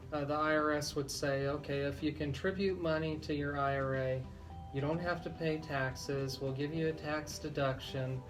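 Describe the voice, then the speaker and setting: On a radio talk show, a man with a mid-range voice speaks as a legal expert. He explains things deliberately, pausing often.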